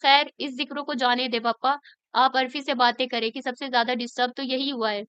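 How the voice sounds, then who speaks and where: A grieving young woman who speaks earnestly with raw feeling, as a woman narrator reads her. The voice is high and clean. It is recorded dry, with a slightly dull sound. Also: fairly even intonation, a little fast, fairly bright tone, smooth, no echo. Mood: weary. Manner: earnest, emotional. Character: grieving young woman, hurt but forgiving. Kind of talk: audiobook reading.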